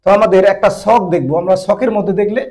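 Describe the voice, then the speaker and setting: A man's voice: sits high, fast, darkish tone. A man teaching a language grammar lesson, patiently repeating each point and pointing viewers to their textbook. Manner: addresses viewers directly, pointing them to the book.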